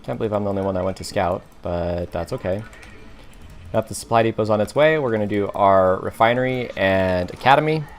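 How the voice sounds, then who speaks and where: A man with a fairly low voice talks through a strategy game as he plays it. His commentary is casual and unhurried, half thinking aloud and half explaining to viewers. Keys clack now and then under his words. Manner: relaxed, self-talking, explains moves as he plays. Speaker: gaming commentator.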